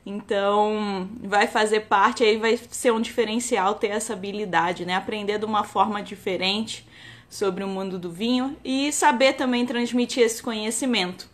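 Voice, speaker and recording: A woman's voice: mid-range voice, steady tone, normal speed. A woman in her thirties from Rio with a Carioca accent, an enologist talking casually on a live stream and padding her talk with fillers. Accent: Carioca Brazilian Portuguese. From Rio de Janeiro, Brazil. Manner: chatty, many "né" and "tá" fillers, restarts.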